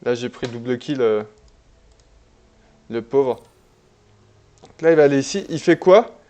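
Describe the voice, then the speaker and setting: A man casually commenting on a replay of his own online game, relaxed and chatty, with many fillers and restarts. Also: medium pitch, unhurried, lo-fi sound.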